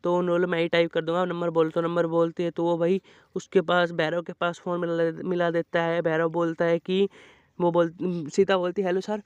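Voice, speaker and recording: Male narrator recapping a movie, monotone, clear voice, dry and slightly dull lo-fi recording. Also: fairly high pitch, moderate pace, no room sound. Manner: rambling, with fillers and placeholder words like "so-and-so". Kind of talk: casual movie recap storytelling.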